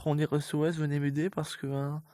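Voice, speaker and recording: A man's voice: a little high, level tone, a little fast, mellow, no echo. A man doing casual, rambling gameplay commentary for his viewers, playfully mock-exasperated as he talks half to himself. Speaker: gaming video creator.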